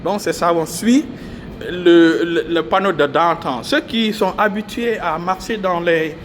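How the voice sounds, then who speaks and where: A man vlogging as he walks through the city and into the subway, explaining things slowly with many pauses and fillers. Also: high-pitched. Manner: slow, repetitive, halting explanation with many fillers. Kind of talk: casual walking vlog. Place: outdoors on a city street, then down into a subway station. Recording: street and subway noise behind the voice. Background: city traffic and subway noise.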